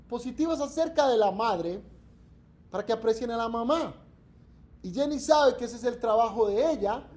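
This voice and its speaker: A man's voice: extremely high pitch, darkish tone. A middle-aged man, preaching a sermon in an emphatic, earnest way. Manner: emphatic and earnest, acts out quoted voices. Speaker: pastor. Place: church.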